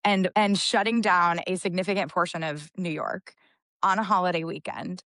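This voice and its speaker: A woman telling a story in a casual podcast chat, fired up and rushing through long run-on sentences. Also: fairly low pitch, steady tone, fairly bright tone, no room sound, clean studio sound. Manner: impassioned, rapid run-on storytelling.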